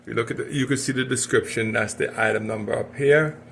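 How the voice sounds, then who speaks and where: Male hobbyist, unscripted demo voice, rough gravelly edge, mid-range pitch. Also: steady tone, quick pace, a bit bright, a little hiss or hum. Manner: rambling, talks while working with his hands. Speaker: watch hobbyist demonstrating. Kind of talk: unscripted casual demonstration.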